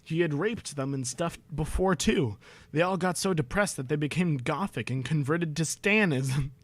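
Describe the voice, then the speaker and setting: A man's voice: a little high, normal speed, no room sound. A young man streaming a comedic reading of fan fiction, breaking off into sarcastic, exasperated, profane asides.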